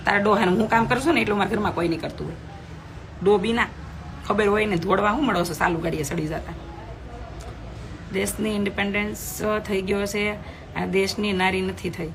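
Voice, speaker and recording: A woman's voice: medium pitch, fairly bright tone, slight background noise. A middle-aged woman, chatting bluntly with viewers on a phone live stream, scolding and preaching.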